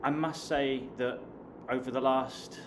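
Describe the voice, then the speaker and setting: A man in his late thirties from Hampshire, in the south of England, talks casually to camera with a southern English accent. He's an online English teacher and vlogger who chats to his viewers and calls them "guys," using a medium-pitched, fairly even voice at a slightly slow pace. Background noise is clearly audible in the recording.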